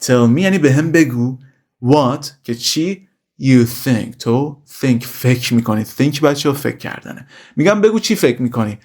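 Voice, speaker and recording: A male language teacher who pronounces example phrases slowly and deliberately, then explains them quickly and casually, often calling his students "kids". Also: mid-range voice, lively intonation, darkish tone. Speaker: English teacher. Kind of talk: language lesson, explaining in Persian.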